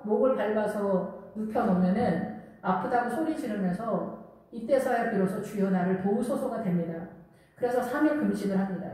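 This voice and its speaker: A woman pastor preaching a sermon and acting out quoted dialogue in lively asides. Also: fairly high pitch. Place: church sanctuary. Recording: echoey hall, voice from far off.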